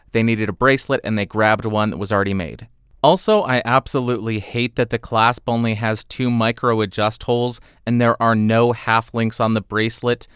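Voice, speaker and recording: Smooth-voiced man reviewing a watch. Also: mid-range voice, fairly bright tone, no room sound, studio quality. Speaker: watch review channel host. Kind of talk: scripted product review. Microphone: studio condenser mic.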